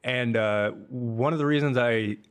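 A young man with a Midwestern accent chatting casually about his music, rambling and halting with lots of fillers. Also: medium pitch, clean tone. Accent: American Midwestern. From American Midwest. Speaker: musician guest. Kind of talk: casual podcast chat.

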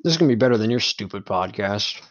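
A man's voice: fairly low pitch, animated, fast, a little hiss or hum. A young man chatting casually with his friends in joking gamer-bro banter full of slang. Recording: dull lo-fi mic sound.

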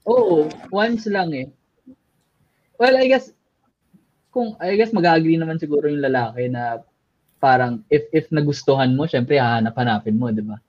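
On a dull, lo-fi recording, a man with a fairly high, slightly mellow voice co-hosts a podcast at a moderate pace broken by long pauses. His casual talk is candid but hesitant, and he often trails off with fillers.

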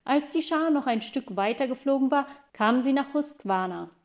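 A woman reads a children's storybook aloud in a calm, steady way, her voice sitting a little high. She keeps an even storytelling pace from one sentence to the next. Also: moderate pace. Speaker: narrator. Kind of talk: audiobook storytelling.

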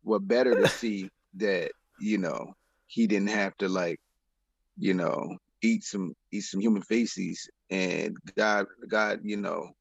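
A man with a gravelly, husky voice, reflecting in a slangy, casual Bible study discussion. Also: sits low, fairly even intonation, slow, dry recording, dull audio. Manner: reflective, slangy, says bro.

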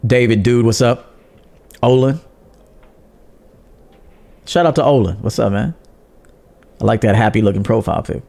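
A man's voice: medium pitch, fairly even intonation, normal speed, vocal fry, pauses often, a little mellow. A man hosting a livestream as a dating coach, talking in a blunt, profane, scolding way. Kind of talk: livestream monologue.

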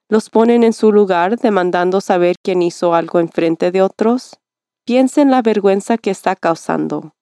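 A woman hosting a mindfulness series, speaking in a calm, soothing, measured way as she reads scripted self-help and guided meditation. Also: fairly low pitch, dry recording, clean studio sound.

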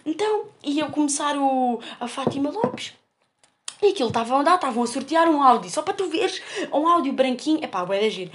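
A young woman with a European Portuguese accent and a high voice tells a story in loose slangy chat. She laughs often and sounds slightly breathless. A faint hiss of noise sits behind her. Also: sing-song, brisk. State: feeling hot, short of breath. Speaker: podcast co-host. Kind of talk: casual chat.

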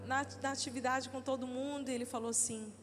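A woman in her forties, a pastor, preaching a sermon with animated delivery that rises to loud calls to the congregation. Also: high-pitched, fast. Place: church. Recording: church hall reverb with faint music.

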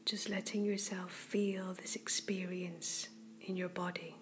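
A woman in a soft whisper, slowly and gently guiding a breathing meditation. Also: fairly low pitch, flat delivery, background noise. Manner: slow, gentle and soothing. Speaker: meditation guide.

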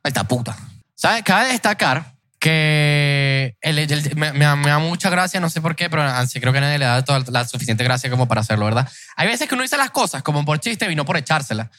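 Young guy cracking crude jokes on a podcast, talks fast, highish voice. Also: expressive, bright, forceful tone. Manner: crude joking, acts out voices of adults. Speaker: podcast co-host. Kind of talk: casual podcast banter.

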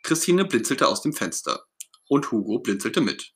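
A man reading a children's story aloud as narrator, in an expressive, gentle storytelling manner. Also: mid-range voice, moderate pace.

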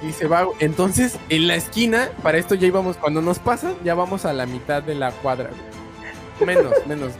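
A young man with a Mexican accent, a streamer casually telling a story in slangy, animated speech, dropping "güey" all the time. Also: fairly high pitch, moderate pace, music in the background. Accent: Mexican Spanish.

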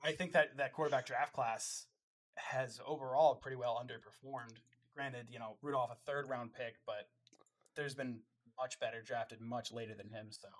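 Male co-host, laid-back sports talk, confident and opinionated, mid-pitched voice. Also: fairly even intonation, normal speed. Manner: opinionated, runs through lists of players. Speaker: podcast co-host. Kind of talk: casual sports chat.

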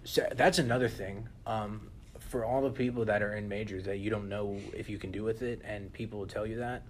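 A young man co-hosting a podcast in casual chat, animated and often turning to listeners with "listen". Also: on the low side, brisk, a little hiss or hum. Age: young adult. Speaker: podcast co-host.

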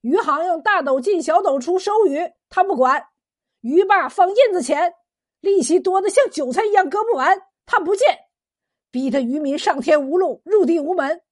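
A woman voicing a bold, defiant young fisherman in a storytelling recording, speaking loudly with a ringing, scornful edge. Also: very high-pitched, animated, moderate pace, pitched above the performer's own voice.

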